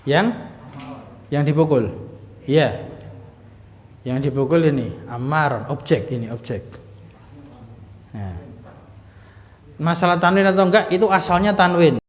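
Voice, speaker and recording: A man's voice: a little high, lively intonation, unhurried, pauses often. A man teaching an Arabic class in a mosque, explaining step by step and asking the class questions. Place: mosque hall. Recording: echoey hall, dull lo-fi sound.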